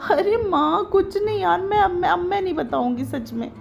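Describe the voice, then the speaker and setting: Woman reader playing a cheeky teen girl, higher and chirpy, over soft guitar. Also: animated, moderate pace, gravelly, heavily acted. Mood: playful. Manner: playful, pleading, bright and higher. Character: cheeky, curious teenage village girl.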